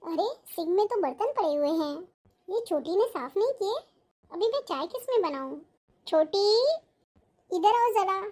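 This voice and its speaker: An actress playing a patient, hardworking elder sister-in-law who often grumbles to herself, in a family drama. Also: female voice, very high voice, expressive, normal speed, darkish tone. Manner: fussing, complaining to herself. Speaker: actor.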